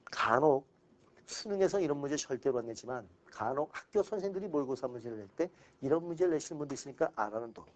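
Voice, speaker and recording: A man giving a casual lecture to exam students, animated and blunt, mixing sharp outbursts with dry asides. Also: mid-range voice, quick pace, muffled recording. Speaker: exam-prep ethics lecturer.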